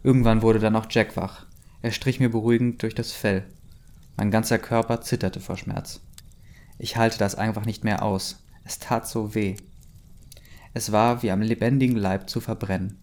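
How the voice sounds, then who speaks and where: A man's voice: fairly low pitch, fairly even intonation, normal speed, a little mellow. A man reading a story aloud, breaking off for dry, mocking asides. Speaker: reader of fan fiction.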